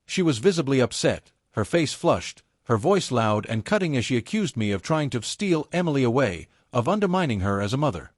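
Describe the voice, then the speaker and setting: A man narrating a first-person story in a steady, scripted storytelling delivery. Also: medium pitch, brisk, few pauses, no room sound, clean studio sound.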